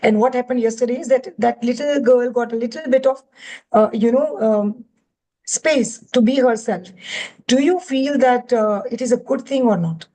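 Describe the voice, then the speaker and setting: Woman workshop teacher, mellow higher voice, gentle and coaxing, drops in Hindi phrases. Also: moderate pace, rough recording.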